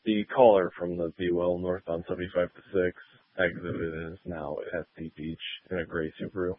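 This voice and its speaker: A man's low voice comes through a tinny police radio, dry and narrow in range. He is a dispatcher, answering units in short, businesslike phrases. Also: flat delivery, moderate pace, no room sound. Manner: clipped, businesslike radio talk.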